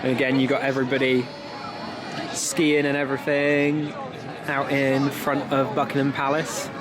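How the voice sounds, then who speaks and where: This travel vlogger is a young man from Britain with a mid-range, monotone voice at a normal speed. Holding his camera at arm's length, he strolls through a crowded theme park and makes chatty, off-the-cuff remarks. The recording is full of outdoor crowd chatter and heavy ambient noise.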